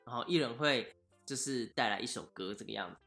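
A man's voice: mid-range voice, fairly quick, vocal fry, a bit bright, soft background music. A man, co-hosting a casual podcast chat, chatty and self-mocking. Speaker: podcast co-host.

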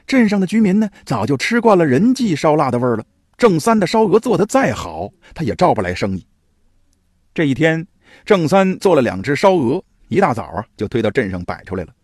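Animated, husky male storyteller. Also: medium pitch, no room sound, clean studio sound. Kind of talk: folk tale storytelling.

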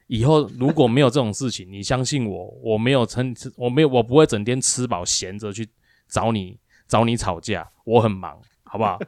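Animated man telling a work story. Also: medium pitch, fairly quick, no room sound, studio quality. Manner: animated, acts out both sides of an argument with rising emphasis. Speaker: co-host of a speaking-skills livestream. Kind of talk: casual storytelling chat.

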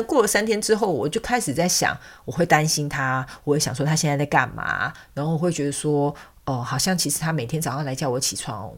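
A young woman from Taiwan, hosting a podcast and telling a personal story in a chatty way, with many fillers and frequent laughs. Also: low voice. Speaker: podcast host. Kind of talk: casual storytelling monologue.

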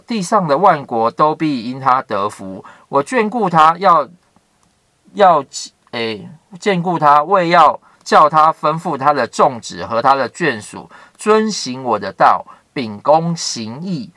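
Brief: solemn, measured divine voice in a Bible story, read by a male storyteller; dry close sound. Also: a little high, bright, forceful tone, no room sound, full character voice.

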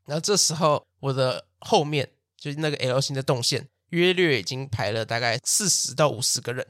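A man's voice: mid-range voice, a little fast, dry recording, clean studio sound. A young man, casually telling a story as a podcast host and acting out the quotes. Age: young adult. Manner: animated, acts out quotes, laughs and swears.

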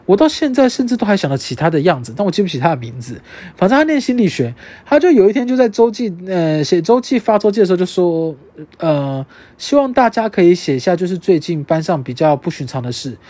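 A young adult podcast host with a Taiwanese Mandarin accent tells a story in casual chat, animated and swearing freely. The voice is mid-range and fast.

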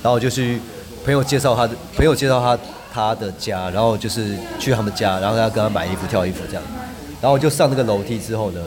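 A man, a podcast guest telling rambling, animated anecdotes with frequent restarts. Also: fairly low pitch, quick pace. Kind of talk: casual storytelling chat.

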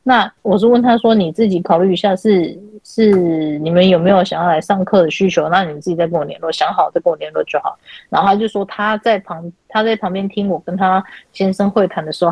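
A woman's voice: on the low side, fast talker, darkish tone, slightly rough, no room sound, muffled recording. A woman, hosting an online chat and animatedly retelling counseling sessions, acting out quoted dialogue. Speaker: podcast host and spiritual counselor. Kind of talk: casual chat, telling client stories. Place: online chat room call.

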